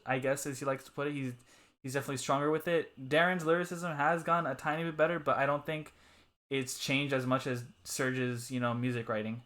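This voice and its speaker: A man hosting a casual podcast chat, his voice sitting in an ordinary middle pitch. He talks earnestly and loosely, with many fillers as he shares his opinions. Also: fairly bright tone. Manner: earnest, frequent "you know" fillers. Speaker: podcast host.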